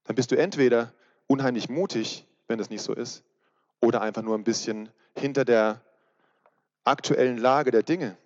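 A man's voice: medium pitch, moderate pace. A man preaching a casual youth sermon, chatty and asking his listeners direct questions. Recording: reverberant hall, dull sound.

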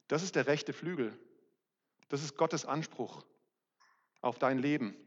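A man's voice: mid-range voice, unhurried, slightly rough. Brief: middle-aged male pastor, candid, self-mocking sermon voice, muffled reverberant hall recording.

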